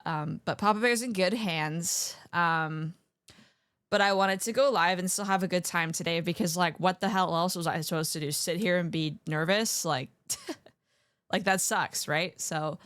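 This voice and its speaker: A woman's voice: fairly low pitch, measured pace, a bit bright, no room sound, studio quality. A woman livestreamer chatting casually with her viewers in a playful, slangy gamer manner, scattered and often interrupting herself. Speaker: livestreamer hosting an art stream.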